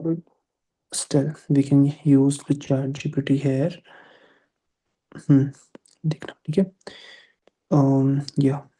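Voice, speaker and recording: A man with a medium-pitched, dark-toned voice teaches an online English grammar class. He mixes English into his explanations and voices his students' questions himself.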